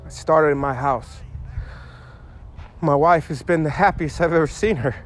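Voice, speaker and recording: A man preaching an emotional testimony sermon, pleading, going from hushed to rising. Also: a little high, moderate pace, soft background music. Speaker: pastor.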